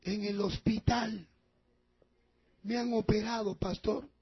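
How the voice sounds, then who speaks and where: Dude voicing a shy teary old widow lady, soft pleading, raspy. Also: high voice, steady tone, takes it slowly, no echo, highs cut off, full character voice. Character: elderly widowed woman, timid and tearful.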